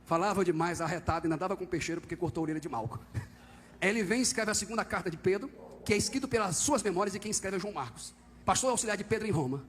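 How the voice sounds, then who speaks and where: A man preaching a fiery church sermon, swinging from quiet, close talk up to shouted, high-pitched calls to the congregation. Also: very fast, a little hiss or hum. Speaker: visiting preacher. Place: church service.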